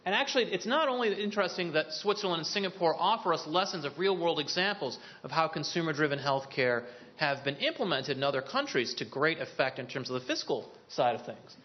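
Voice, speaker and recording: In a briefing room, a policy speaker on a panel presents a proposal, explaining it step by step and posing questions he then answers himself, with occasional restarts and filler pauses. His voice is on the high side and sing-song, and the sound is lo-fi.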